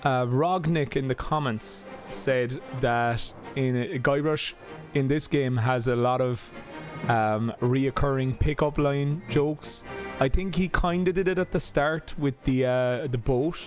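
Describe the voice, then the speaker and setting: A young man gives easygoing running commentary over his gameplay, chatting away and often circling back to fix what he said. His voice sits at an everyday middle pitch. Faint game music plays underneath. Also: slow. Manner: chatty, rambling, self-correcting. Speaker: let's play host.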